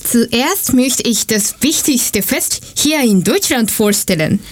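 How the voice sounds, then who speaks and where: A woman from Japan, a Japanese native speaker, reading a prepared presentation slowly in learner's German. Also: on the high side, expressive. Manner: slow, careful learner's German. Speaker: student presenter. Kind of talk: read-aloud presentation.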